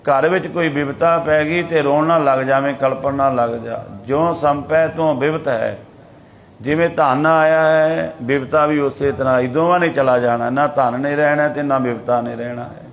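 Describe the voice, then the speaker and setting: A man with a Punjabi accent giving a sermon, slowing right down to chant scripture verses and then explaining them in plain, everyday talk. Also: medium pitch, steady tone. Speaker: Sikh preacher giving scripture commentary.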